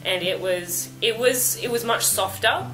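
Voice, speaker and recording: A woman's voice: medium pitch, measured pace, fairly bright tone, soft background music, poor audio. A woman co-hosting a review in casual, chatty banter. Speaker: co-host reviewing a dance show.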